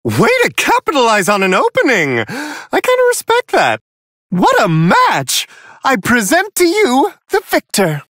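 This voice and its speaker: A man's voice: very high-pitched, huge pitch swings, measured pace, fairly bright tone, no room sound, studio quality, full character voice. A male actor voicing Whis, a refined, playful otherworldly angel giving courteous, theatrical, wryly amused fight commentary in a video game. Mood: wry, intrigued, then grand, courteous. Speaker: match commentator.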